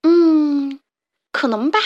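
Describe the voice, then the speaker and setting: A woman voicing a tiny, timid male mouse in a children's story, who speaks in shrill, indignant bursts. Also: takes it slowly, a little mellow, lo-fi sound. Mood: stubborn.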